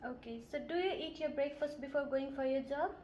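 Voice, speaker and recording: A woman's voice: sits high, fairly quick, a little mellow, dull audio, slight background noise. A woman from Nepal, playing a nurse and asking polite, methodical questions in a scripted health assessment role-play. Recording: roomy echo.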